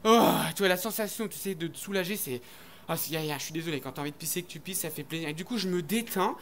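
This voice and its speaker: A man's voice: a little high, lively intonation, racing. A man doing stand-up comedy on stage, telling a rambling, crude story full of slang and acted-out voices. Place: comedy stage before an audience.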